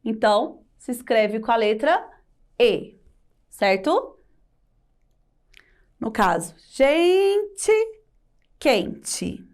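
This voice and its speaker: A Brazilian woman gives a Portuguese video lesson for children, explaining slowly and patiently and checking in with rhetorical questions. Her voice is on the high side, with lively intonation.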